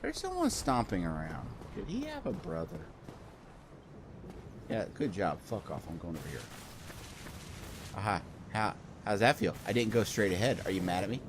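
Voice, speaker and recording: A man's voice: on the low side, huge pitch swings, fairly quick, background noise. A man giving casual gameplay commentary, rambling, joking and swearing freely. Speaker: let's play host.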